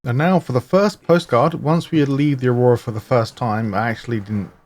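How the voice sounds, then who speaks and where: A man's voice: medium pitch, fairly quick. Man narrating a game walkthrough. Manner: instructive, step-by-step, steady. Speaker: gaming guide narrator. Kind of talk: walkthrough commentary.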